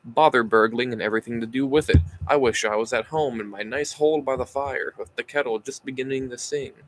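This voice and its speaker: A man's voice: medium pitch, fairly quick, noisy background, natural voice. A man reading the lines of a grumbling, soggy male hobbit traveler in his own plain voice, as an amateur audiobook reader.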